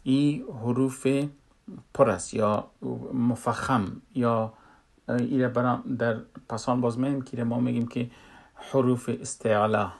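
A man giving a spoken tajweed lesson, explaining letter sounds plainly and repeating each example word slowly and loudly. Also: medium pitch, fairly even intonation, creaky. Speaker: Quran recitation teacher.

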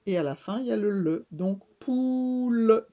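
A woman giving a slow reading lesson to young children, stretching and repeating sounds for them. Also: mid-range voice, mellow, lo-fi sound. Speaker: speech therapist teaching reading.

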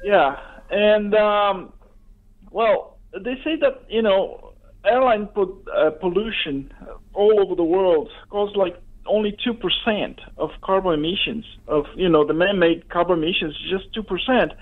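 A man calling a radio phone-in, chatting casually and haltingly with many fillers over a phone line. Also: sits high. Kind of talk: casual chat. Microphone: telephone call.

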